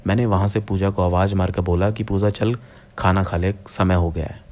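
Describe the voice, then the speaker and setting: A man's voice: low-pitched, level tone, normal speed, a little mellow. A young man narrating a true-style horror story in the first person, speaking directly to his listeners as friends in a plain retelling voice.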